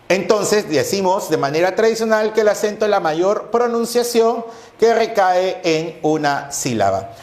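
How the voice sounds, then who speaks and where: A male teacher giving an exam-prep lecture on grammar, methodical and recapping with rhetorical questions, possibly from Peru. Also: high voice. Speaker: language teacher. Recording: echoey room.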